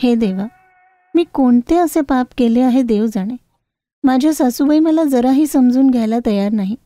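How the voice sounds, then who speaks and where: A woman's voice: high voice, lively intonation, normal speed, warm tone, no room sound. A woman doing a meek young daughter-in-law. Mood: prayerful. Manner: pleading, apologetic.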